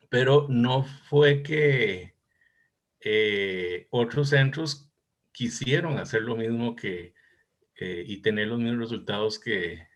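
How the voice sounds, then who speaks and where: Man, 60s, cardiologist in a seminar: slow, husky, lower voice, hesitant and reflective. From Costa Rica. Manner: thoughtful, reminiscing, hesitant. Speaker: cardiologist discussing a case presentation. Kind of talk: academic case discussion.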